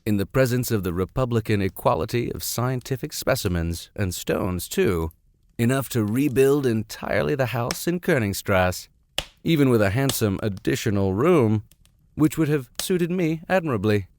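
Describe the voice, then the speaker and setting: A podcast host reads classic books, sliding playfully and sardonically from the text into comic asides. He has a medium-pitched, animated voice with a darkish tone and speaks at a normal pace.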